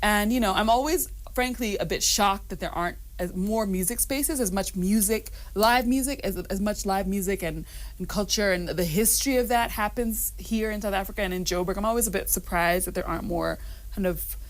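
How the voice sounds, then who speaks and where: A woman's voice: medium pitch, brisk. A woman raised mostly in the United States, giving a radio studio interview as a guest singer-songwriter, speaking in a thoughtful, earnest way with frequent ums and laughs. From Rwanda and Uganda, raised mostly in the United States.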